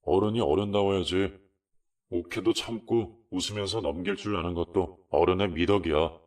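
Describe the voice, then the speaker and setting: Male narrator plays a lecturing husband, low and gravelly, voice set back from the mic. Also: moderate pace, darkish tone, distant mic, close to an everyday voice. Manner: lecturing, patronizing. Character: young husband, lecturing his wife.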